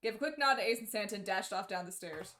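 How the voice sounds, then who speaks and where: A woman streamer reads a story aloud at a brisk clip, breaking off into blunt, joking chat. Her voice sits in an ordinary middle range. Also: medium pitch, expressive, bright, forceful tone. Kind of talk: casual chat and narration.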